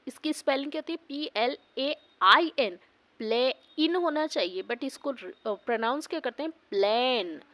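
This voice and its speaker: A woman's voice: high-pitched, expressive, bright, forceful tone, no room sound. A woman teaching English pronunciation, spelling words out letter by letter and asking questions she answers herself. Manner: asks the class questions and answers them herself; spells words letter by letter and repeats them slowly. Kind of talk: pronunciation lesson.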